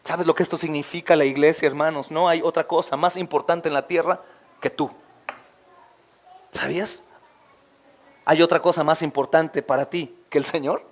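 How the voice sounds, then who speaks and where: A man over forty preaching an expository sermon as pastor, impassioned, often calling out to his listeners as brothers and climbing into high, emphatic questions. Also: fairly even intonation, normal speed, long pauses.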